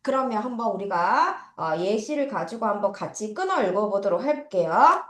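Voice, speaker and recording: This recorded lesson has a woman walking children through English number words at an academy, quizzing them and supplying the answers one step at a time. Her medium-pitched voice is sing-song and a bit bright, at a normal pace, and the classroom echoes around her.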